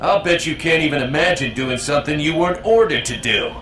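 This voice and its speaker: An actor playing a venomous, contemptuous renegade soldier captain in a video game. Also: male voice, a little high, animated, a little fast, noisy background, natural voice. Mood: venomous contempt. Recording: roomy echo, music underneath.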